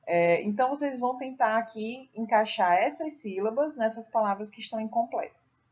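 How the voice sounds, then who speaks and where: A woman's voice: a little high, lively intonation, normal speed, darkish tone, lo-fi sound. A woman teacher patiently explaining a workbook lesson step by step, often ending with tag questions. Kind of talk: recorded classroom lesson walking through a workbook.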